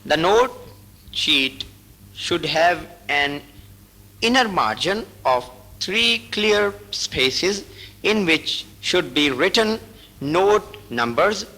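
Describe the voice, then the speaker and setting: A man reading out braille writing rules slowly and deliberately, in short broken phrases, like a teacher. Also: on the high side, bright, forceful tone, low-quality recording. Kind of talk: slow instructional reading.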